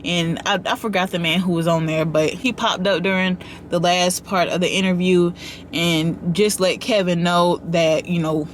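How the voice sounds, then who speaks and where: Animated woman commentator, casual and direct with her audience, faint background noise. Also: on the low side. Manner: animated, talks straight to viewers with slang and asides. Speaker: commentary vlogger.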